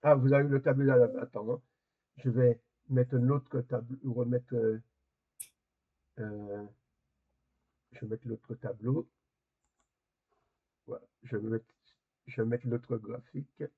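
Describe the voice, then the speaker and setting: A man's voice: mid-range voice, little pitch movement, slow pace, long pauses, husky, phone-quality sound. A man teaching a Hebrew lesson over a video call, explaining hesitantly and repeating words as he goes. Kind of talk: online class explanation.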